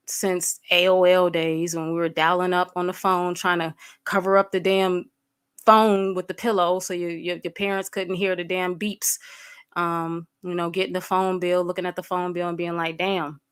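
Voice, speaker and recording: A woman in her thirties with a lowish, clear, resonant voice hosts a casual livestream. Blunt and fired up, she curses, uses many fillers, and speaks directly to her chat while greeting viewers by name.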